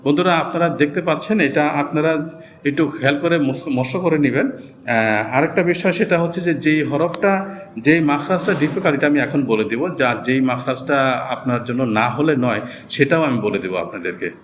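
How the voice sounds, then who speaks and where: A man's voice: fairly high pitch, animated, a little hiss or hum. Man patiently teaching Arabic letter sounds. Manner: repeats each sound several times, drawn-out and careful. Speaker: Quran reading teacher. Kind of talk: slow letter-by-letter recitation lesson.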